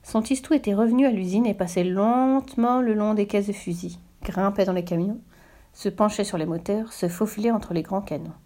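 A woman reading a children's novel aloud in a steady, expressive storybook style. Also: medium pitch, brisk. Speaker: narrator.

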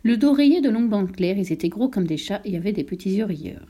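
A woman narrating a children's storybook in a steady, clear reading voice. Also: medium pitch, a little fast.

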